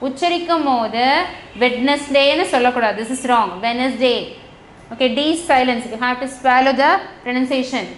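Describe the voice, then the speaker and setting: High-voiced Tamil woman teaching slowly. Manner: slow, spells words letter by letter and switches between Tamil and English. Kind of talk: classroom lesson for young children. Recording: echoey room with faint noise.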